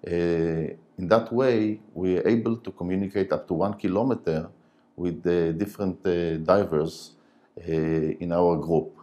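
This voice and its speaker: A man in his forties, not a native English speaker, explaining technical matters haltingly in a studio interview on a lapel mic. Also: sits low, fairly even intonation, mellow, dull audio. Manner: halting, hesitant phrasing. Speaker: interview guest, company director.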